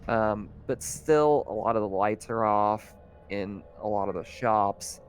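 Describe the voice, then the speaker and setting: Running a tabletop roleplaying session as game master, a man with a fairly low voice improvises his narration casually and conversationally. He speaks a little slowly, and music plays under his voice.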